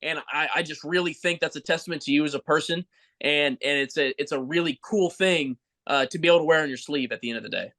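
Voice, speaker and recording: A man's voice: on the high side, fast, bright, forceful tone. A man hosting a podcast, giving earnest, heartfelt praise in casual chat. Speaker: podcast host.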